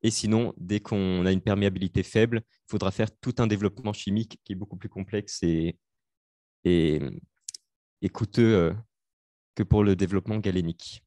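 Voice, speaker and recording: Young male student tutor, lowish voice, dry close computer mic, halting delivery full of fillers, live online revision. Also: fairly even intonation, warm tone, no room sound. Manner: hesitant, many fillers, explains step by step.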